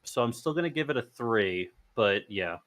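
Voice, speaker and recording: Bright-voiced, hesitant man judge. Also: medium pitch, lively intonation, normal speed, no room sound. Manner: hesitant, fair-minded, restarts often. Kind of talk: casual livestream chat.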